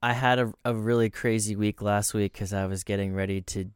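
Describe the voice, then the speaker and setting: Male co-host, slightly deep and smooth, relaxed podcast conversation. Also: brisk, dry recording, studio quality. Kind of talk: casual podcast chat.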